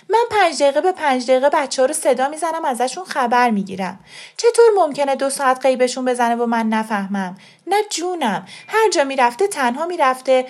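A woman reader voicing an indignant, sharp-tongued mother who speaks emphatically. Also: high-pitched, voice pushed up.

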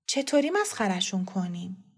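Brief: woman voicing a timid, stammering little boy, soft and slow, for an audio story. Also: fairly high pitch, animated. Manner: hesitant, quiet, stammering. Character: shy, timid young boy who stammers.

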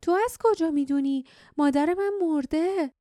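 A woman narrator voicing a restless, quick-tempered young woman in an audiobook. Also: a little high, dark tone, no echo, clean studio sound, lightly acted. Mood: furious. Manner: quick and agitated. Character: restless, fiery young woman, sharp-tongued. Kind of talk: audiobook character voice.

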